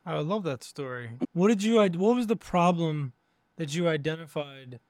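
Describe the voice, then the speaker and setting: An upbeat, chatty man hosts an interview podcast and puts questions to his guest. His voice sits a little high for a man. The sound is close and dry. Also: moderate pace, darkish tone, dry recording. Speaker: podcast host. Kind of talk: casual interview hosting.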